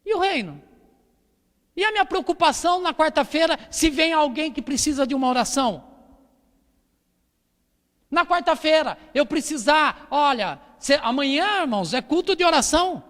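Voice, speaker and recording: The voice of this Brazilian Portuguese-accented preacher is extremely high and a bit bright. He delivers a sermon with Bible reading in a church hall mid-service, exhorting with repeated phrases and rhetorical questions, and the room adds a long reverb.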